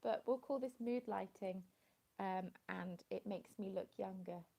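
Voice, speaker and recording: Her voice is mid-range, creaky and warm, with a measured pace. She's a woman from England, live streaming from home on a dimly lit evening, talking casually into a phone fitted with a small plug-in mic, rambling and saying hello to viewers.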